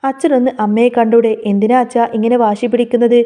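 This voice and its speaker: A woman voicing a gentle, tearful young woman in a read-aloud story, speaking softly and pleading. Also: on the high side, fairly even intonation, a little fast, close to an everyday voice.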